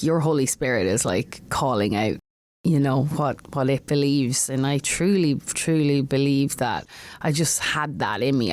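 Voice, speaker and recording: An Irish singer-songwriter chats casually as an interview guest, laughing frequently and often restarting her sentences. Her voice is deep with a darkish tone.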